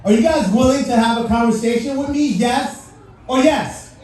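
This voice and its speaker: His voice is very high and a little mellow, at a normal speed: a middle-aged man from Haiti, native in French, giving a motivational speech at a civic event. He engages the live listeners with questions and playful asides. The large venue sounds echoey, and the distant mic catches faint noise.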